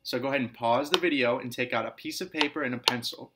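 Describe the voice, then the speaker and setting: A man teaching kindergarten and first grade in a recorded video lesson. He repeats each point slowly and clearly for young children, calling them scholars, and gives example sentences a lively, sing-song emphasis. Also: mid-range voice, background noise.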